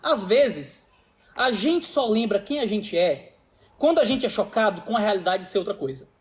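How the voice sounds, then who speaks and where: A man in his thirties, a pastor preaching a sermon and telling personal stories in an animated, slangy, blunt way. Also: sits high, moderate pace.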